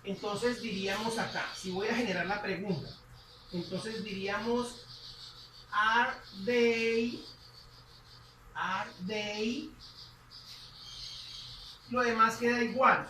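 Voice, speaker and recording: A woman with a somewhat high voice teaches a grammar lesson, speaking slowly and repeating each phrase while she writes. She sounds distant from the mic in an echoey room with a faint hum behind her. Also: pushed and bright. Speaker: English teacher.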